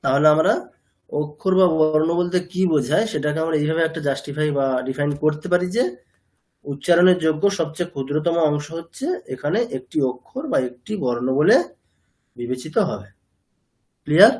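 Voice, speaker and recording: In a classroom lecture, a language teacher with a fairly high, darkish-toned voice speaks a little fast. He patiently explains material, fires questions at his students and slips English words into his speech.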